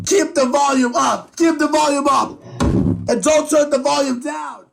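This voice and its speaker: Man doing a shrill, furious scolder. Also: fairly even intonation, measured pace, gravelly, faint music behind, heavily acted. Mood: angry scolding. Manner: yelling threats, swearing. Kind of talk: amateur online drama.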